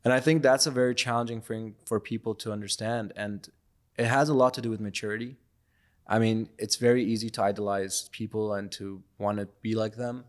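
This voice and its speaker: A man's voice: on the low side, fairly even intonation, fairly quick. A young man from Iraq, a photographer and podcast guest, speaking in a reflective, loose, conversational way. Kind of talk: casual interview talk.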